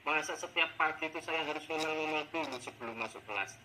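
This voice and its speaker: A man playing a teacher in a coaching role-play, complaining in an exasperated, animated way about his class. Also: a little high, fast talker, background noise. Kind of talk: role-played coaching session.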